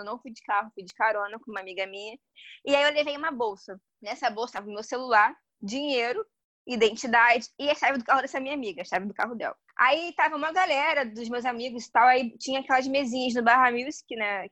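A woman's voice: fairly high pitch, a bit bright. A woman, telling her own stories in a casual, emphatic chat. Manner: rapid, emphatic storyteller.

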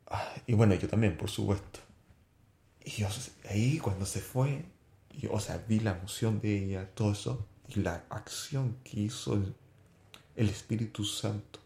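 Earnest man, low mellow voice. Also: roomy sound. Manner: earnest, halting with restarts. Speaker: podcast host. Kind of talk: personal faith testimony.

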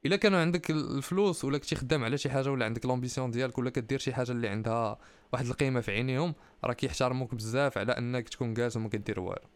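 A young man speaks with a Moroccan accent at a rapid-fire pace. His voice is crisp and sounds dry and close. He hosts casually, pressing his advice emphatically and mixing in French and English. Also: medium pitch, dry recording. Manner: mixes Arabic with French and English phrases; emphatic, motivational advice-giving. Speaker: podcast host. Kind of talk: casual chat, answering listener questions.

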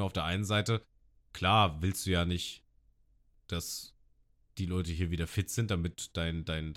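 A man on a podcast, casually retelling an anime episode and acting out the characters' lines. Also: deep voice. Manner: lively retelling, acting out quotes with shouts.

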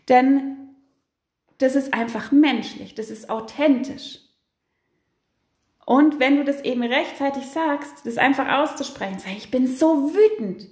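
Lebhafte Frau, hallender Raum. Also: female voice, a little high, roomy sound. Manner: lively, acts out angry outbursts with many fillers. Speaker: podcast host, parenting coach. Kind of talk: casual advice monologue.

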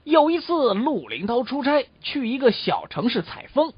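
A man telling comic stories in crosstalk style, switching lively into the voices of his characters. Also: very high voice, moderate pace, slight background noise. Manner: lively, animated voice acting in quotes. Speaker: comic storyteller. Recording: dull dry lo-fi recording.

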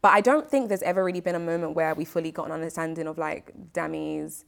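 A young woman hosting a casual interview podcast, asking questions and affirming with quick fillers. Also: low-pitched, creaky. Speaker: podcast host.

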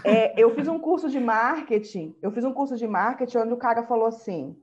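A woman's voice: fairly high pitch, fairly quick, darkish tone, slight background noise. A woman in a casual conversation, speaking emphatically and repeating her key phrases. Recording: slightly dull, lo-fi sound.

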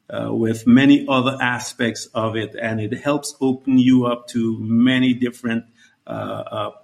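A man's voice: mid-range voice, vocal fry. Male interviewer from Guyana; rambling, searching, conversational questions.

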